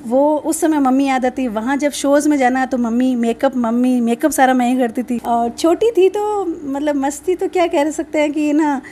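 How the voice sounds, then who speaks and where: A middle-aged woman from Rajasthan, a mother chatting in an interview, telling lively stories about her daughter. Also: high voice, moderate pace, hardly any pauses, a little hiss or hum. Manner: chatty, animated storytelling with voiced quotes. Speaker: mother of a young dancer. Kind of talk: casual interview.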